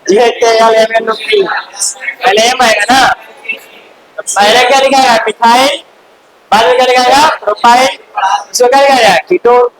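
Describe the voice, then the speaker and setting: A male chemistry teacher in a classroom, firing quick questions at students and scolding them in chatty asides. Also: very high-pitched, fairly even intonation, a bit bright, poor audio. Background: faint hiss.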